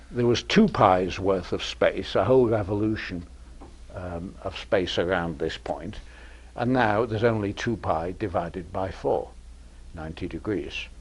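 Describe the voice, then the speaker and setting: Male professor, informal lecture, lively rising-and-falling voice, halting delivery with ums, dry humor. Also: on the low side, breathy edge. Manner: hesitant, frequent ums and uhs, dry humor. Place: lecture room with audience.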